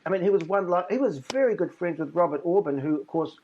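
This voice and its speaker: A man, a magician guest, reminiscing in halting, self-correcting casual talk. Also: high-pitched, animated, slight background noise. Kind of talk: casual interview chat. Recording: dull lo-fi remote line.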